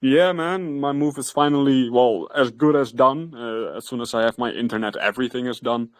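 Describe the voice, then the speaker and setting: A man's voice: mid-range voice, normal speed, no echo. A man in a casual online voice chat, asking for help in an easygoing way and often repeating words as he starts. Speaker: community member asking for help.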